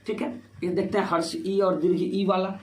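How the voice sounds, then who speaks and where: Speaking at a moderate pace, a man with a high-pitched, darkish voice delivers a flat Hindi grammar lesson aimed at board exams. His step-by-step explanation leans on repeated self-directed questions and "ठीक है" fillers, recorded in an echoey room with a little faint noise.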